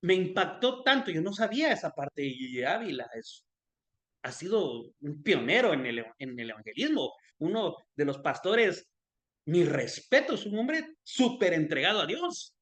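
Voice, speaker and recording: A man with a high-pitched voice talks through a story of forgiveness as he preaches. His delivery is earnest and conversational, and he often stumbles and restarts mid-sentence. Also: very animated, moderate pace, fairly bright tone.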